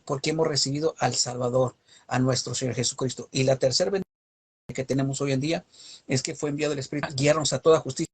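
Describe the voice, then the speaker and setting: A man's voice: medium pitch, breathy edge. A man teaching a Bible lesson, preaching with an emphatic, rising cadence and rhetorical questions.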